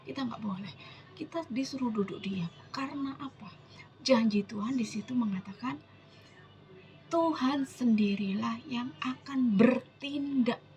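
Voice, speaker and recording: Emotional woman with a breathy, whispery voice. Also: fairly high pitch, darkish tone, slight background noise, poor audio. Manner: emotional, often drops to a whisper, addresses listeners as brothers and sisters. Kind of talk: personal devotional sharing, reading scripture.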